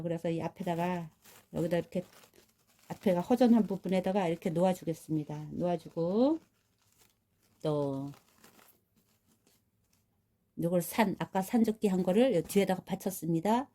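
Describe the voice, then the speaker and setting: A woman with a low, warm, mellow voice gives a relaxed hands-on florist's tutorial. She chats viewers through every step as she works, checking in with them along the way. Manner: chatty, talks viewers through each step while working. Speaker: florist demonstrating flower wrapping. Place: rural home.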